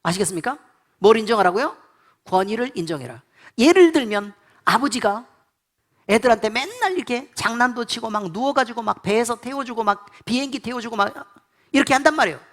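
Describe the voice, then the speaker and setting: Animated preacher quizzing the congregation. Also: medium pitch, brisk. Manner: quizzes the congregation with repeated call-and-response questions; blunt, colloquial scolding. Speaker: pastor. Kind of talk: sermon.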